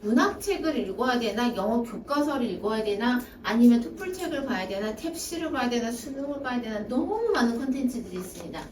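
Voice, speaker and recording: A woman's voice: a little high, animated, a little fast, few pauses. A woman academy director giving a talk to parents, explaining her points by acting out students' excuses in their voices. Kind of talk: parent information session talk. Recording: echoey room, voice from far off, faint hiss.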